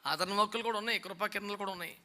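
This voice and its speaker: A male pastor delivers a sermon in a high, piercing, forceful voice. He scolds and mocks his listeners with sarcasm, swinging between loud exhortation and low, cutting asides. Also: rapid-fire.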